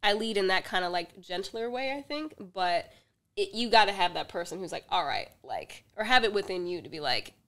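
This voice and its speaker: Woman on a podcast, bright sharp voice, chatty storyteller doing little voices for people. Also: medium pitch, normal speed. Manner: animated storyteller who acts out dialogue with laughs. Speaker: podcast guest, film director. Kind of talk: casual podcast chat. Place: podcast studio.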